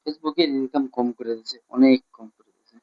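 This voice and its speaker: Soft-spoken man in a lo-fi home recording. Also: medium pitch, fairly even intonation, brisk, no room sound. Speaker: vlogger's husband. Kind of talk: casual chat with his wife.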